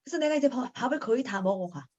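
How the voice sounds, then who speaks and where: A woman's voice: a little high, animated, fast, darkish tone, highs cut off. A middle-aged woman tells a personal story in a book club, acting out quoted lines with a raised voice. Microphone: video call.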